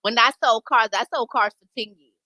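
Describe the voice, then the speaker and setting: Bright-voiced woman radio host. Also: fairly high pitch, a little fast, no room sound. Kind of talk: casual interview chat.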